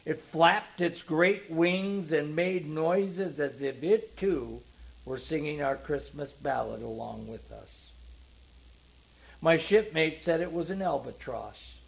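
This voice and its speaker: Slow gravelly older man storyteller. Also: a little high, soft background music, poor audio. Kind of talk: first-person story narration.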